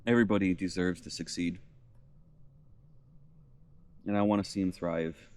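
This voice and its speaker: A man's voice: low-pitched, steady tone, moderate pace, a little mellow. A man vlogging from a forest campsite, speaking earnestly and with emotion, close to tears at times. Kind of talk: heartfelt vlog monologue.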